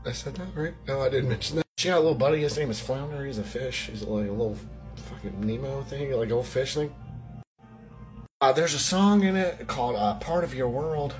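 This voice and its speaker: A man's voice: mid-range voice, brisk, music in the background. Rambling, profane man recapping a movie. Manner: profane, rambling, laughing at himself. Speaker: comedy video host. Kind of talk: crude comedic movie recap. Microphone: handheld recording with VHS box in hand.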